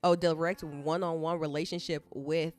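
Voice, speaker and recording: A woman streaming her coding session talks in a loose, rambling way, candid and expressive as she speaks straight to her audience. Her voice sits a bit on the lower side. Soft music plays faintly behind her. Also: moderate pace. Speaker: live-streaming coder. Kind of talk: casual rambling stream chat. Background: soft background music.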